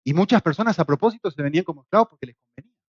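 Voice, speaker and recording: Argentine man lecturing, fairly high voice. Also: rapid-fire, slightly rough, no room sound, highs cut off. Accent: Argentine Spanish. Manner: lively, acts out quoted voices with shouts and jokes. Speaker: Bible course teacher. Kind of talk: classroom lecture. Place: classroom in Spain.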